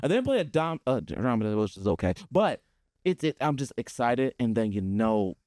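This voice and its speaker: Excitable man chatting about games. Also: medium pitch, a little fast, no room sound, studio quality. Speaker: podcast co-host. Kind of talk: casual gaming chat.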